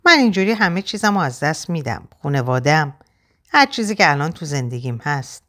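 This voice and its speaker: A woman's voice: low-pitched, very animated, fairly bright tone. A woman reading the part of a young married woman torn between her husband and a lover, voiced with pleading emotion. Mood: distressed.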